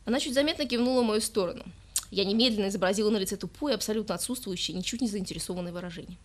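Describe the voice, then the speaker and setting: A woman reading a first-person story aloud with a medium-pitched voice. Her delivery is calm and even with a slightly wry edge, paced like a steady audiobook narration. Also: very fast.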